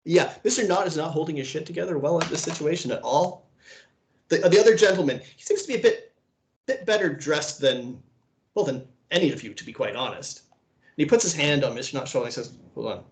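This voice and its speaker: A man runs a tabletop horror game, narrating scenes with frequent stammers and restarts. His voice sits a little high, and the room around him rings with echo. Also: lively intonation, brisk. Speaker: game master.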